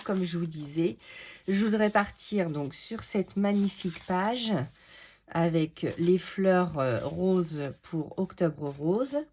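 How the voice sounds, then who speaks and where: A woman's voice: fairly low pitch, darkish tone, slight background noise. A woman chatting casually as she works through a collage craft tutorial at home, with lots of fillers along the way. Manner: chatty, many fillers, talks while working. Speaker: craft video creator.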